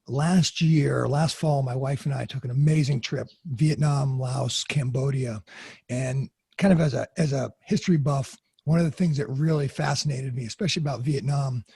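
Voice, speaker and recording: A man's voice: medium pitch, vocal fry, dark tone, slightly rough, dry recording, clean studio sound. A man hosting a podcast interview in a loose, chatty way, with plenty of fillers and restarts. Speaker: podcast host.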